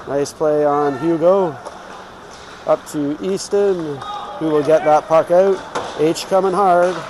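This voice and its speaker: A man giving informal, home-team live play-by-play commentary on youth hockey. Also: fairly high pitch. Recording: clear rink noise behind.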